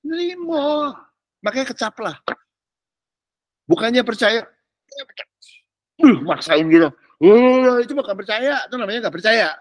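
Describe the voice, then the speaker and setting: A man preaching, teasing and animated in slangy street talk, mimicking people as he goes. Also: high-pitched, a little fast, long pauses, dry recording. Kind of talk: sermon.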